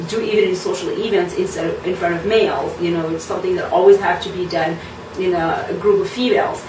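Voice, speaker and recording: A woman's voice: on the low side, distant mic, noisy background. Frank, chatty woman in a roomy space. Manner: frank, lively, many ums and you knows. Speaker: belly dance teacher. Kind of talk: casual chat to camera.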